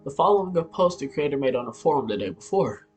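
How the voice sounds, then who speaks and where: A YouTube host with a fairly high, expressive voice talks fast and casually over background music, stumbling a little on his words and tossing in offhand asides. The room gives his voice a noticeable echo.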